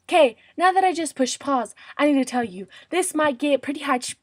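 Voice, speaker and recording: A woman improvising silly raps and beatbox sounds to the camera in a playful, repetitive chant that swings from low mumbles to high squeals. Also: lively intonation, fairly quick, no echo, studio quality. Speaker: vlogger.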